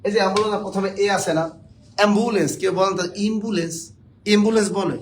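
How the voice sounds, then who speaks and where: A man's voice: sits high, fairly even intonation, very fast, a little hiss or hum. A man from Bangladesh, teaching a spelling lesson for job exams, joking and quizzing his viewers.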